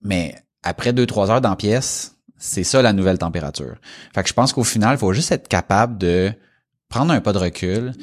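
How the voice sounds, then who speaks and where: Man, Québécois accent, low-pitched, casual, reflective, explanatory. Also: lively intonation, moderate pace. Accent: Québécois French. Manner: reflective, explains with everyday examples. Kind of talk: casual conversation.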